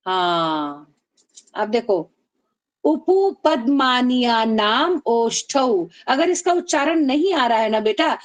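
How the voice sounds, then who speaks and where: High-voiced woman teaching an online class. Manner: calls students "beta", drills them call-and-response; chants rules slowly, syllable by syllable. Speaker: Sanskrit teacher.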